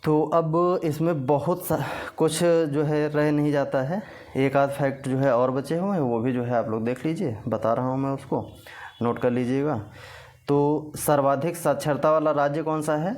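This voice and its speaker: A man's voice: on the high side, fairly even intonation, normal speed, darkish tone. A man teaching an exam-prep lecture, dictating facts for notes and repeating the key points. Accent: Hindi.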